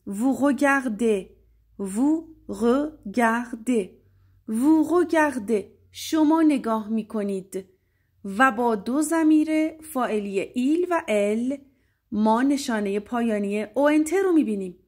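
A woman in her forties whose first language is Persian, teaching French to beginners in an online lesson. Her voice sits a little high. She explains grammar in a clear, steady way and drills each French phrase slowly, over and over. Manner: slow, deliberate drilling of French phrases, repeated three times.

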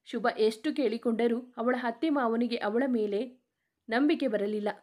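A woman reading a dramatic family story aloud in a steady narrating voice. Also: fairly high pitch, normal speed.

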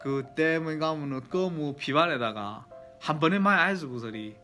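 A man with a bright, forward voice and a Yanbian Chinese-Korean accent tells nostalgic stories in a casual vlog style. He is chatty but keeps polite sentence endings, over faint guitar music. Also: on the high side, moderate pace. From Yanbian, China. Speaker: vlogger. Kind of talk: casual nostalgic storytelling to viewers.

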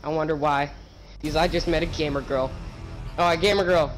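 A young man in loud, goofy, teasing banter while playing a video game with his sibling. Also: fairly high pitch, steady tone, a little fast, faint music behind, rough recording. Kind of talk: casual gaming banter.

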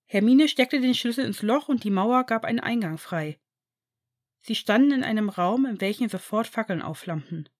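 A woman's voice: a little high, animated, moderate pace. Woman reading a story aloud. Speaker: fan fiction reader. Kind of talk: audiobook narration.

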